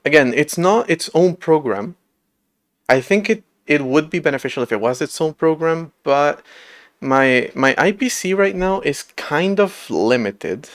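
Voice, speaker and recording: A man's voice: fairly high pitch, lively intonation, a little slow, dry recording, studio quality. A man in his late twenties chatting casually on a coding livestream from a room at home, rambling and self-deprecating with frequent laughs. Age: late 20s. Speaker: livestreamer coding an operating system.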